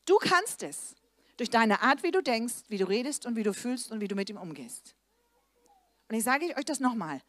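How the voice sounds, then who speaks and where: A middle-aged woman evangelist preaching a lively sermon, swinging between loud emphasis and soft, low asides. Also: moderate pace, dry recording.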